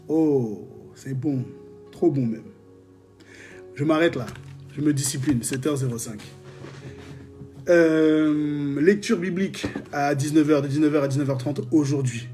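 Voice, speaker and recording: Lively man preaching over faint music. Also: a little high. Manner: lively, exclamatory, jokes and laughs with viewers. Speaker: preacher leading a live prayer stream. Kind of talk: live-streamed sermon and testimony reading.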